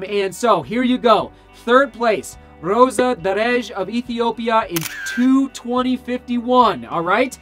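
Surrounded by shoe brand boxes in his small home studio, a man in his thirties who vlogs about running goes through race results on camera. His high-pitched voice has a fairly bright tone but is a little hoarse and tired, and his enthusiastic, rambling delivery is full of fillers and self-corrections.

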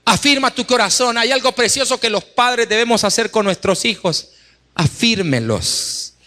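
A man's voice: very high-pitched, steady tone, moderate pace, sharp tone. A man preaching a Sunday sermon in a church, exhorting the congregation with emphatic repeated calls and acting out little scenes between husband and wife. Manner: acts out wife and husband in asides. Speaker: pastor. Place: church sanctuary. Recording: live hall with echo and music.

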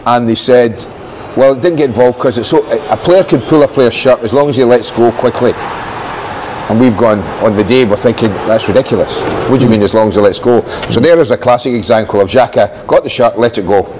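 A man's voice: medium pitch, a little fast, darkish tone, a little hiss or hum, rough recording. An older man giving blunt, opinionated football analysis in a TV studio on a lapel mic. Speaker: football pundit.

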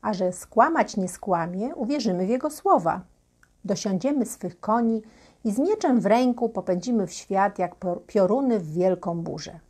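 A woman voicing a solemn giant armored knight with wings, speaking in an archaic, husky voice in a storybook legend. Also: medium pitch, a little mellow. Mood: prophetic.

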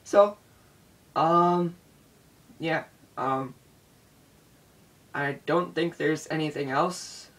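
A man talks slowly and hesitantly through a casual update, pausing on filler words, his slightly high voice caught in low quality. The sound comes from a built-in iPod microphone set back from him, so it is thin and distant. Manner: hesitant, many ums and restarts. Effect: low-quality recording on a built-in iPod mic. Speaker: vlogger. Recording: distant low-quality handheld device mic.

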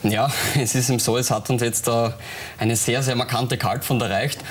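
A man's voice: mid-range voice, fairly even intonation, normal speed, a little hiss or hum. A young man, a weather expert answering questions in a TV studio, hesitant with many fillers. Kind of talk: studio interview. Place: TV studio set.

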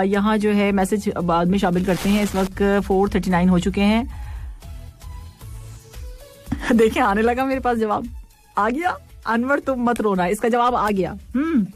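A woman hosting a casual radio show, reading listener messages, playful and quick to laugh and tease. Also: mid-range voice, soft background music. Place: radio studio.

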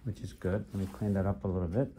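A podiatrist chats with a patient while cleaning a wound in a clinic room, his low, steady, warm voice moving at a quick pace. He's encouraging and talkative, dropping in plenty of uh-huhs during the casual conversation, with a little background noise in the recording.

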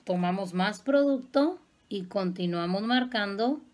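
Slow, patient makeup artist woman. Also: mid-range voice, lively intonation, a little mellow. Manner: patient, affectionate teaching tone. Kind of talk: step-by-step makeup tutorial.

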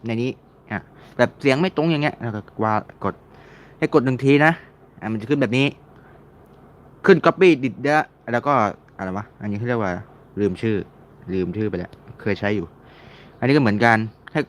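A man's voice: mid-range voice, moderate pace, long pauses. A man giving a casual, screen-recorded tutorial, chatting and repeating words while he searches and clicks. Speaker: mobile game modding tutor.

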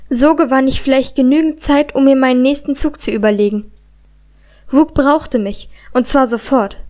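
Lady reading a fantasy audiobook, high voice, dramatic and tense. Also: a little mellow. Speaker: audiobook reader. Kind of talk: first-person audiobook narration.

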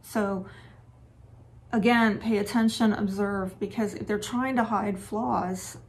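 A woman's voice: mid-range voice, fairly even intonation, slow. A woman hosting a relationship advice talk, speaking frankly in a casual, lightly sarcastic way. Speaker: relationship and dating advice host.

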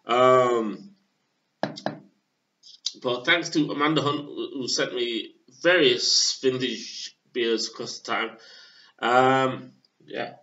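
A man in his thirties from England, casually reviewing a beer at home on a webcam, with plenty of hesitant fillers. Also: medium pitch. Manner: halting, filler-heavy, relaxed. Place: small room at home. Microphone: webcam at desk. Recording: dull lo-fi webcam audio.

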